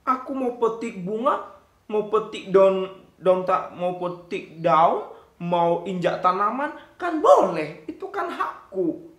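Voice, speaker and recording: A man's voice: high-pitched, slow, a bit bright, echoey room. A man voicing a stubborn young child who whines and protests insistently. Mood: defiant. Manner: whining, insistent, rising protests.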